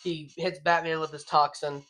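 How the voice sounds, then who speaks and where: A man's voice: on the high side, flat delivery, fairly bright tone. A man co-hosting a podcast, rambling through a comic book plot and stumbling over words as he reads aloud. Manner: rambling, halting, stumbles when reading aloud. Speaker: podcast co-host. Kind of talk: casual comic book review chat.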